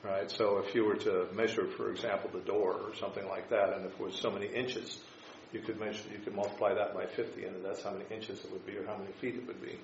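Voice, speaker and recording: A man teaching an informal Bible class, explaining scripture and history in a halting, tentative way. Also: lowish voice, level tone. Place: echoing room, teaching a class. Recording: echoey room, dull sound, faint noise.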